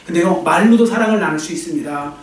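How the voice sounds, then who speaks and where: Preaching as pastor, a man with a slightly high voice speaks at a quick pace, far from the microphone, and the sanctuary sound is spacious. He brings his stories to life by performing each character's quoted words.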